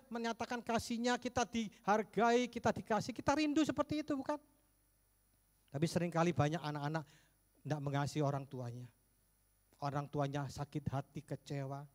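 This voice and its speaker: High-voiced man preaching in an echoey hall. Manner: swings between emphatic bursts and hushed low asides, joking. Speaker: pastor. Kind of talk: sermon. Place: church sanctuary.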